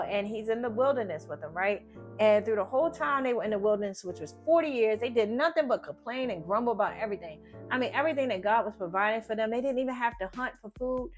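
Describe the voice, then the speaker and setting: A woman giving casual Bible teaching, lively and conversational, often tagging lines with a questioning "right?". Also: on the high side. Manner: animated, tags sentences with "right?"; acts out biblical figures in slangy voices.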